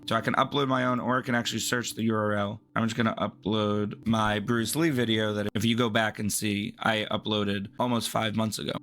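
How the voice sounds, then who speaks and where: A man's voice: mid-range voice, fairly bright tone. A man hosting a tech video, talking through a screen-recording tutorial in a casual, rambling, explanatory way.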